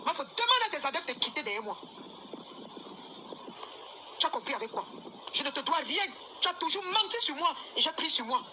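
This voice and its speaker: A woman's voice: sits high, very animated, a little fast, long pauses, sharp tone, a little hiss or hum. A woman ranting insistently in a live video, repeating herself as she scolds. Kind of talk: angry live video rant.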